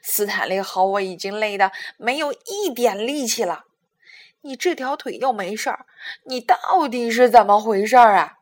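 Woman doing a motherly little girl, gentle and coaxing, unhurried, bedtime storybook. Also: medium pitch, expressive, breathy edge, pitched below the performer's own voice, exaggerated voice. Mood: exasperated. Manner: firm yet gentle, coaxing. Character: patient, motherly young girl.

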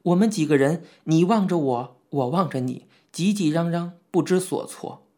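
A man reading a novel aloud as an audiobook narrator, in a measured, even storytelling manner. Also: a little high. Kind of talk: scripted narration.

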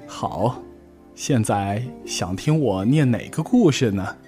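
A man voicing a gentle, cheerful, lonely old grandmother bear in a storybook reading. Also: fairly low pitch, lively intonation, slow pace, faint music behind.

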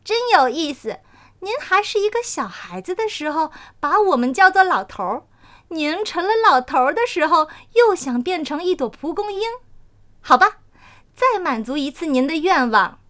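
Voicing a chirpy dandelion spirit, a woman uses a full character voice pitched above her own, high, pushed and bright, with big pitch swings. She speaks at a moderate pace and sounds eager.

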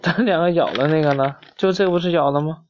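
Woman reading a picture book aloud, patient and questioning, low voice, dull lo-fi home recording. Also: quick pace, background noise. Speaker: parent reading to a child.

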